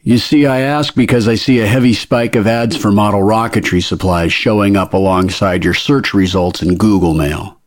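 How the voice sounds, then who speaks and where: Man doing a squeaky older interrogator. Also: fairly even intonation, normal speed, hardly any pauses, dry recording, clean studio sound, lightly acted. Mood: probing. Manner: prim, coolly persistent questioning. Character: older skinny male border interrogator, prying.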